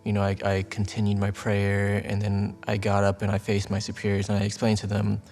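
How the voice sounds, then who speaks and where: A man's voice: lowish voice, monotone, brisk, a little mellow, soft background music. A man in his twenties from Texas, a Navy veteran, speaking earnestly in a documentary interview with small restarts. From Texas, United States.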